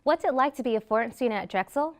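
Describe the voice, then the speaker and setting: A woman presents scripted news introductions. She speaks fast, in a fairly high voice. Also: lively intonation.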